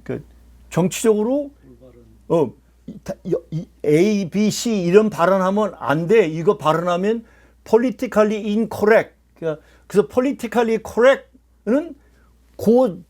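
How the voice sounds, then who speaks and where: A man's voice: sits high, slow pace, darkish tone. A man giving a political lecture, speaking emphatically, putting questions to his listeners and mixing in English phrases. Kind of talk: political lecture to a small audience.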